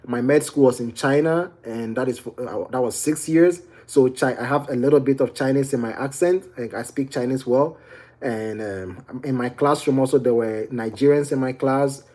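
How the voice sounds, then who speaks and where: Here a medical exam tutor from Ghana, young and Ghanaian-accented, answers viewer questions on exam study from his home near the kitchen. His medium-pitched voice has a dark tone and a moderate pace, and the chatty walkthrough is packed with fillers and restarts.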